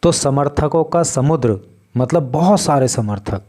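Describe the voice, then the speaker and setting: Slow, mellow-voiced male Hindi teacher. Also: medium pitch, animated. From India. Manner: slow, patient word-by-word explanation. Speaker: English teacher. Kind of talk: explaining newspaper vocabulary in Hindi.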